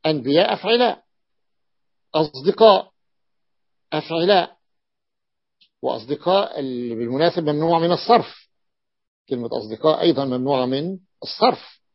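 Gravelly-voiced man teaching a class. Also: on the high side, animated, fairly quick, pauses often, highs cut off. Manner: repeats patterns, quizzes the class with questions. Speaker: teacher explaining Arabic morphology. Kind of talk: classroom lesson.

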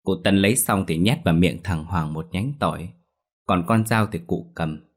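A man narrating a first-person ghost story in a steady, earnest tone. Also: deep voice, moderate pace.

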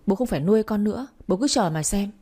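A woman's voice: mid-range voice, expressive, quick pace, mellow, husky. A woman voicing a wronged teenage daughter who pleads and protests tearfully, in a Vietnamese audio story. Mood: defiant.

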